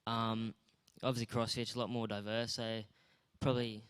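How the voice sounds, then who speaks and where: A man's voice: fairly low pitch, little pitch movement, normal speed, clear, resonant tone. A young Australian man being interviewed on stage at a school awards night, talking in a modest, laid-back, rambling way. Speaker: guest athlete.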